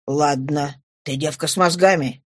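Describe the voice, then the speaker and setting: A scheming old man who barks orders and clips his words short, as a woman reader puts him on. The voice sits well below the reader's own, hard and curt. An audiobook character sketched through low, blunt commands. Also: measured pace, no echo, clean studio sound. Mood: gruff, wary. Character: scheming gruff old man, a poor father. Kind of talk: audiobook reading.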